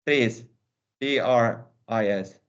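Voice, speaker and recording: Man, co-host, slow, short answers, repeats words, muffled recording. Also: mid-range voice, clean tone. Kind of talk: slow, casual discussion of word sounds.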